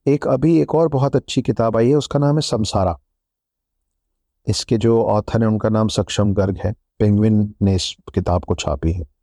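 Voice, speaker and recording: A man being interviewed as an author, giving earnest, measured advice in reflective talk. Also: on the low side, dark tone, no room sound. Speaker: author guest. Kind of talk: reflective interview talk, mixing Hindi and English.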